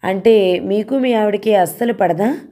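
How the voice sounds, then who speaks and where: A woman's voice: mid-range voice, normal speed, dark tone, close to an everyday voice. A woman voicing a blunt young female office worker who asks teasing, probing questions.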